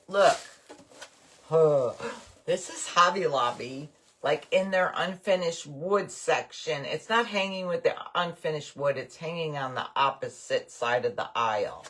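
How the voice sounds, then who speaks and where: A woman's voice: low-pitched, fairly bright tone. An older woman hosting a craft livestream, chatting casually and rambling happily with her viewers. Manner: chatty, rambling, enthusiastic about bargains. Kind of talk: casual live-stream chat with viewers.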